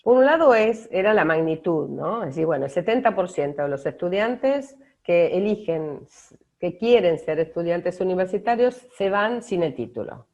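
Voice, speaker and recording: A middle-aged woman with an Argentine Spanish accent, answering interview questions thoughtfully with pauses and restarts. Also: on the low side, animated, a little mellow. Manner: thoughtful, many fillers and restarts. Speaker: author being interviewed. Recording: dull lo-fi audio.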